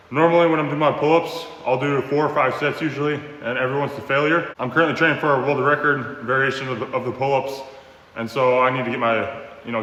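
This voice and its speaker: A young man narrates his gym session to the camera in a relaxed, chatty way, explaining each step as he goes. His voice sits in a middle pitch. The room is echoey, with a long reverb tail behind every word. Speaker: fitness vlogger. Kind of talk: casual workout vlog.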